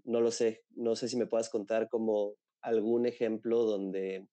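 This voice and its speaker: A man's voice: lowish voice, level tone, unhurried, warm tone, dry recording. A man with a Mexican accent interviewing, asking long questions full of fillers and restarts. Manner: hesitant questions with many fillers.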